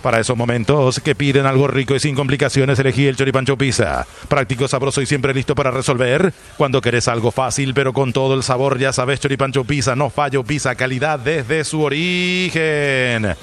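A man reading radio commercials in a polished, salesy style, slowing down for the taglines. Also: medium pitch, fairly even intonation. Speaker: commercial announcer. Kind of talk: scripted radio ad reads.

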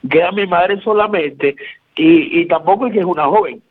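A man's voice: high voice, normal speed. A man with a Venezuelan Caracas accent speaks on a phone interview, pleading and often repeating himself. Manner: pleading, repeats words, says "brother" often. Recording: tinny phone line on radio.

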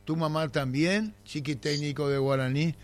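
Radio host, teasing banter. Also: male voice, fairly high pitch, moderate pace, slight background noise. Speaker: radio sports show host. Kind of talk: casual sports radio chat.

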